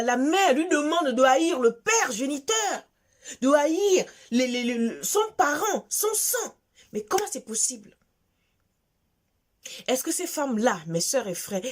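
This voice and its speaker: A woman from Gabon with a Gabonese French accent, delivering an emphatic, scolding monologue to her viewers and repeating phrases for force. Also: high-pitched. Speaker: vlogger. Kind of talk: impassioned monologue addressed to viewers.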